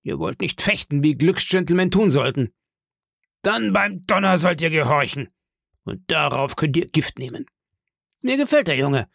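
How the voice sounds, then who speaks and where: A man's voice: a little high, gravelly, no echo, studio quality, voice pushed up. A man reading an audiobook, voicing an old one-legged male pirate captain who bellows threats with swagger. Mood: commanding.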